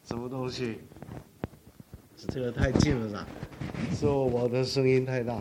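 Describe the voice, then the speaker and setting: An older man, raised in Korea, preaching an animated sermon full of stories, often correcting himself and dropping English words. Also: medium pitch, normal speed, very noisy. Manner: animated storytelling with frequent self-corrections and code-switching to English. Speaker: pastor.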